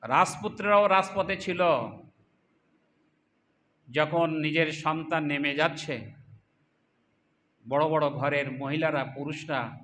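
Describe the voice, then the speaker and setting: A man giving a fiery political sermon to a crowd, asking rhetorical questions and swinging between loud cries and low asides. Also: fairly even intonation, slow pace, long pauses, a little hiss or hum. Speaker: Islamic political speaker.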